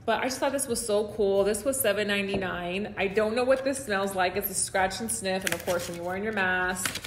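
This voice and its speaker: A little fast and medium in pitch, this American woman in her thirties chats to camera as a home decor vlogger, casual and conversational, with frequent "like" and "you guys." She's in a room at home, with roomy indoor echo and background noise.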